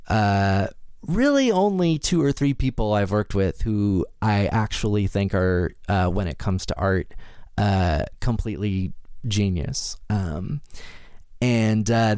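A man with a smooth, slightly low voice hosts a podcast in a casual, unscripted way. He rambles and hesitates, wandering into asides as he goes. The sound is dry and close. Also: darkish tone, dry recording. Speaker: podcast host. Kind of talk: casual spoken introduction.

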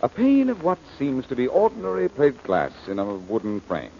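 In a muffled old-time radio recording with faint noise, a man with a creaky, darkish mid-range voice and huge pitch swings speaks at a moderate pace. He plays a cocky, wisecracking amateur sleuth in 1940s style, cool, quick-witted, glib and teasing.

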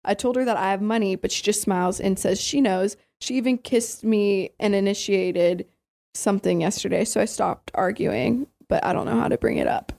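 A woman co-hosting a podcast who chats casually and reads out a listener's letter in a relaxed way. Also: medium pitch, moderate pace, vocal fry. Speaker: podcast co-host.

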